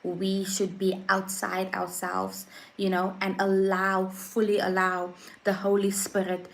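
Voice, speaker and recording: A woman hosting a casual faith talk on a livestream, emphatic and repetitive, swinging between soft murmurs and high exclamations. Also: monotone, slow, creaky. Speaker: livestream host.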